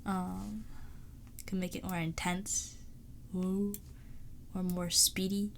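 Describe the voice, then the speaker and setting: Slow-talking sick woman streamer. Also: lowish voice, flat delivery, creaky, slight background noise. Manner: thinking aloud, rambling, laughs often. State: sick, sparing her voice. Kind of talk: casual chat while drawing on stream.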